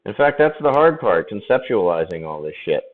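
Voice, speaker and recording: A man's voice: on the low side, sing-song, fairly quick. A man painting during a live stream, chatting casually, laughing often and swearing freely as he answers viewers. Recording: tinny phone-like audio with faint music.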